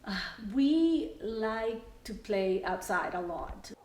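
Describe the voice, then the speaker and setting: Moving through her home room by room, a Salvadoran woman in her forties, Spanish being her native language, tells her story slowly in a mid-range voice with big pitch swings. Her interview is casual, packed with fillers and restarts, and recorded in an echoey room with faint ambience and background noise.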